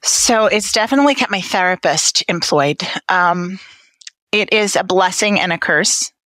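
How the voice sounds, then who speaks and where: A Brooklyn, New York woman who advocates for patients' families is a guest in a personal interview, speaking candidly and with wry humor in her Brooklyn accent. Her voice is on the low side and fairly bright, at normal speed, in a dry recording.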